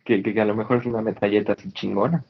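Husky man, slangy and animated. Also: lowish voice, rapid-fire, lo-fi sound. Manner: animated, slangy, frequent restarts. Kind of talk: casual chat. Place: indoors in Canada.

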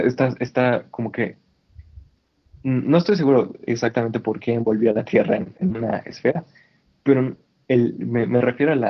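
Husky man, slangy and animated. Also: medium pitch, dull audio. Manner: animated, slangy, frequent restarts. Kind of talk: casual chat. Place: indoors in Canada.

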